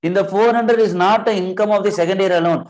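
A man's voice: high voice, racing, darkish tone. A middle-aged man with a South Indian Tamil accent lecturing as an accounting teacher, mixing two languages, repeating key phrases and checking with the class.

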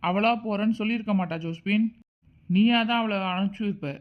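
A woman plays a middle-aged cartoon father who is furious and fiercely protective of his daughter. He accuses and threatens in a harsh, mid-pitched voice. The recording sounds muffled and lo-fi. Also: a little fast, natural voice. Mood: angry.

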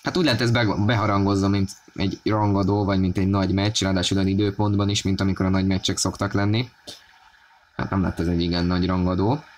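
A man giving football match commentary on a video game, excited and raising his voice at key moments. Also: low voice. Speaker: sports commentator.

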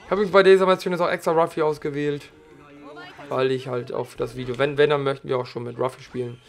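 Slightly hoarse man, gravelly gaming chatter. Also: medium pitch, fairly even intonation, fast. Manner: casual, slangy, chatty while playing. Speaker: gaming channel host. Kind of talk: let's play commentary.

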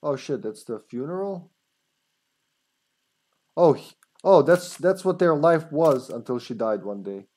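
A man's voice: fairly high pitch, animated, unhurried, pauses often, mellow. A man in his thirties giving casual, rambling, joking and sweary commentary as he plays a video game. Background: faint game music.

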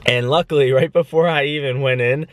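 A man's voice: medium pitch, fairly even intonation, fairly quick. A man in his twenties talking to the camera in a casual, upbeat and rambling vlog. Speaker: vlogger.

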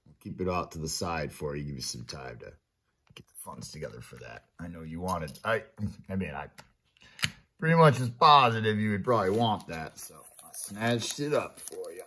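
A man's voice: low voice, animated, moderate pace, pushed and bright, a little hiss or hum. A man hosting a casual unboxing chat, talking to viewers like friends in a laid-back, slangy way at his desk. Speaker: channel host opening mail. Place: indoors at a desk with a coin display.

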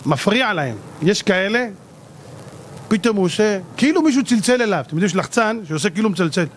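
A man's voice: high voice, expressive, a little hiss or hum. A man, a rabbi, giving a theatrical sermon who acts out the people in his stories. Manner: theatrical, acts out people with shouting and mocking voices. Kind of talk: animated Torah sermon.

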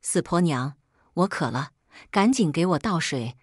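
A woman's voice: low voice, animated, unhurried, husky, no room sound, clean studio sound, heavily acted. Brief: bitter bedridden village father, snapping curses, read by a woman. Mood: angry. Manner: curses and snaps. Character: bedridden, abusive old village father, spiteful.

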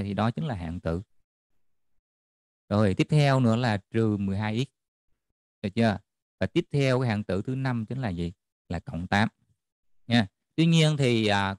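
A man's voice: fairly low pitch, gravelly, a little mellow, no echo, clean studio sound. A man tutoring a math class online, checking in often with students as he explains. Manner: checks in often with students, repeating "được chưa?".

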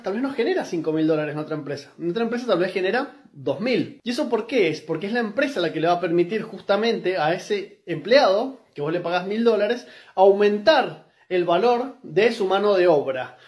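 A man with a Rioplatense accent talks quickly and insistently to a close-held phone, driving each point home bluntly. His voice sits high for a man, and the sound is close and plain, as recorded in a small room at home. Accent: Rioplatense Spanish. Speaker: business content creator. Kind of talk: direct-to-camera advice monologue. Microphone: phone camera held close.

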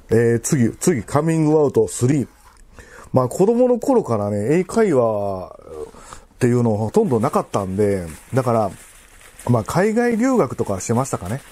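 A man in his thirties with a Kansai accent, chatting casually while eating, in a halting, rambling way with repeated phrases, labored from spicy food. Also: medium pitch, big pitch swings, darkish tone, slightly rough. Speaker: food vlogger. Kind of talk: casual chat while eating and drinking to camera. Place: living room at home.

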